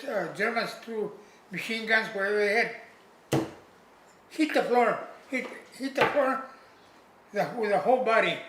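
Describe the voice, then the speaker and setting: Elderly male veteran remembering his war; high, bright voice, halting and repetitive, plain-spoken. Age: elderly, over 80. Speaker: war veteran being interviewed. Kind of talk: old veteran remembering, informal oral history. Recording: roomy echo, faint background noise.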